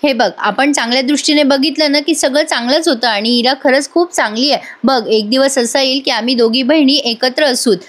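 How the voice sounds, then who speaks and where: A woman voicing a kind, trusting young trainee doctor in a soft, reassuring way. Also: high voice, brisk, few pauses. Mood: gentle.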